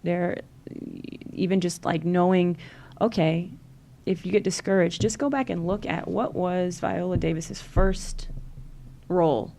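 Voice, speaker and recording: A Louisiana woman with a Southern accent, appearing as a guest on a podcast, chats casually and earnestly, offering encouragement and plenty of fillers. Her lowish, warm voice has vocal fry and runs a little slow, and a little hiss or hum can be heard.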